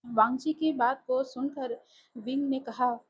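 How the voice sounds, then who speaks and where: Woman narrator for a dark horror tale, high husky voice, deliberate pace. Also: steady tone, rough recording. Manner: slow, deliberate telling. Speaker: storyteller. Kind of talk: scripted horror story narration.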